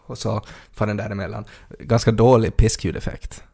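A man's voice: on the low side, a little mellow. A man co-hosting a podcast in casual chat, joking and riffing playfully on absurd ideas. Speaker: podcast co-host.

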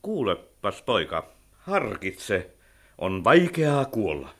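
An older man playing an aging architect in a radio play, commanding at times and gentle at others. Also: fairly low pitch, big pitch swings, exaggerated voice. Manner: commanding, then wistful and gentle. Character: aging male architect, stern yet tender. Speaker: old architect character.

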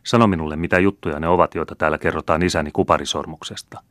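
A man's voice: a bass voice, steady tone, fairly bright tone, no echo. A man reading a dreamy, bitter seventeen-year-old count who speaks with passion in an audiobook. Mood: urgent. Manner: impassioned, bitter.

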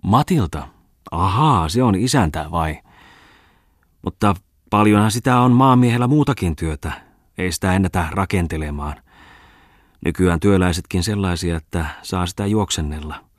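A man's voice: deep voice, animated, dry recording, studio quality. A man reading an audiobook voices a stout, wealthy businessman who probes and talks down to people in a self-assured way. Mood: dismissive. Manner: probing, condescending, chuckling. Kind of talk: audiobook character voice.

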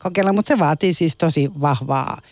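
A woman's voice: low voice, darkish tone, no echo. A woman radio journalist asking long, casual, rambling questions full of fillers.

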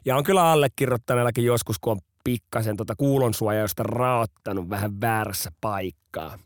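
A man's voice: on the low side, no echo, clean studio sound. A man hosting a storytelling podcast, narrating in a casual, slangy way.

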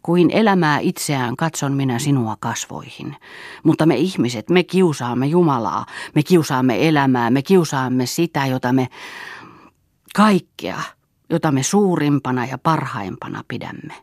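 A brooding young man pleads with the woman he loves, intense and restless, as a woman reading a novel aloud gives him voice. His tone is breathy and close, with a dry, dead sound around it. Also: rumbling low, animated, darkish tone, dry recording, exaggerated voice. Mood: self-reproaching. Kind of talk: audiobook reading.

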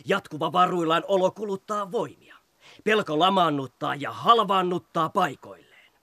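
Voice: mid-range voice, fairly bright tone, dry recording, close to an everyday voice. An actor voicing a preachy lecturing hare. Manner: solemn, lecturing. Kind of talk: radio play acting.

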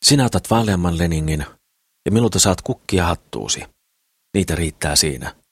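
A man's voice: deep voice, lively intonation, husky, dry recording, studio quality, exaggerated voice. A man reading the lines of a talkative, greedy woman of noble birth in an audiobook, bossy and chattering. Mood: chatty.

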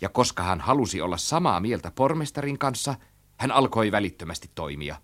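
Lively low-voiced male storyteller. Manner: animated, rhythmic. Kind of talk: expressive storybook narration.

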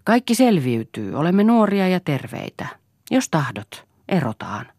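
A woman's voice: lowish voice, big pitch swings, darkish tone, no room sound, clean studio sound, voice pushed up. A woman reading an audiobook, voicing a weary young wife who speaks in a subdued, pleading way.

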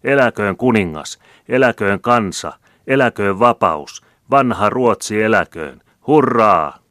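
A man reading the part of a cunning, fearless count who loudly rouses an angry crowd. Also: fairly low pitch, expressive, no echo, studio quality, pitched above the performer's own voice. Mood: rousing. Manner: loud, rousing oratory. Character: cunning, fearless male count rousing a mob.

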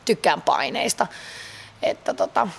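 A woman's voice: on the low side, animated, vocal fry, breathy edge. Chatty Finnish-speaking woman athlete. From Finland. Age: 30s. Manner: chatty, frequent fillers, laughs easily. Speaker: pole dance athlete. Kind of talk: interview answers.

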